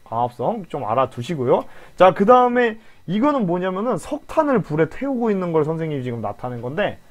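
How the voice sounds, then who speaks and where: A man's voice: high-pitched, sing-song, a little fast. A man teaching an online science lecture, coaxing and pleading with students and quizzing them with questions.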